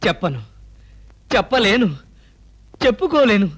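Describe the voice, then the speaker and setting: An actor playing a playful, teasing husband in a film comedy scene, full of wordplay. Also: male voice, very high voice, animated, unhurried, fairly bright tone, heavily acted. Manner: teasing, wordplay-heavy banter. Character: playful flirty husband caught smoking.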